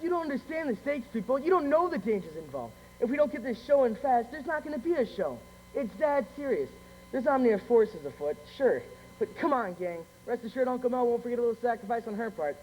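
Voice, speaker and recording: A man's voice: very high voice, big pitch swings, fairly quick, a little mellow. A school stage actor playing Uncle Mel, a brash showman who gets shot and whines melodramatically about dying. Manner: brash, then whiny and melodramatic. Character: wounded middle-aged male showman, Uncle Mel. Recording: echoey auditorium, faint hum.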